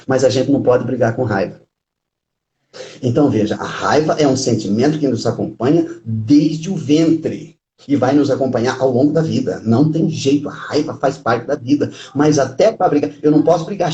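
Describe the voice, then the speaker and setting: A man's voice: medium pitch, warm tone. A man, a pastor and couples therapist, chatting casually and telling stories that he acts out with laughs. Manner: storytelling, laughs often, acts out quotes. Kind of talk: casual chat on a live stream. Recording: roomy echo.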